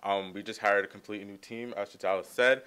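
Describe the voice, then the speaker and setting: A young man presenting at a podium, halting and filling pauses with many ums. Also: lowish voice, fairly even intonation, fairly bright tone, clean tone. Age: young adult. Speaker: undergraduate program coordinator. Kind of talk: panel presentation. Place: conference room. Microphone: podium microphone.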